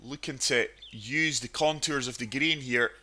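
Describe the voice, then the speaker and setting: Golf gameplay gets enthusiastic commentary from a gaming channel host who has a sniffly cold. He speaks at a measured pace in a mid-range voice with a sharp tone.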